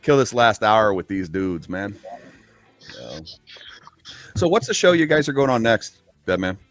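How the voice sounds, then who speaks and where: A man's voice: on the low side, expressive, unhurried, a bit bright, no echo. A man in his fifties hosting a casual charity livestream chat, laid-back and drawling, calling people man and dude. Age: 50s. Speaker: stream host.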